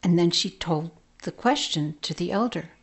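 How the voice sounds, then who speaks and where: A woman telling a folk tale aloud in a gentle, slow way, with hushed whispered asides. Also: on the low side, vocal fry, breathy edge. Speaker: storyteller. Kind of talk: oral storytelling.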